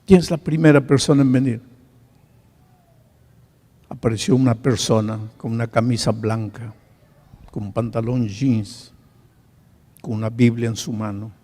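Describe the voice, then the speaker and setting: A male pastor telling a story in a sermon, swinging from hushed to loud. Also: mid-range voice, fairly even intonation, measured pace, pauses often, big-room sound.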